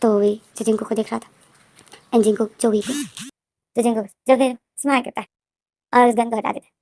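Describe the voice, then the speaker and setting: A woman retells a fan-fiction story in a casual, rambling manner, circling back over the same phrases. Her voice sits fairly high. The recording is dry and close. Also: steady tone, brisk, darkish tone, dry recording. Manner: repetitive, rambling narration.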